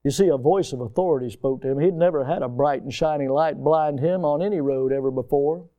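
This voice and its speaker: A man preaching a sermon, emphatic and rising to loud peaks. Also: on the high side, brisk, lo-fi sound.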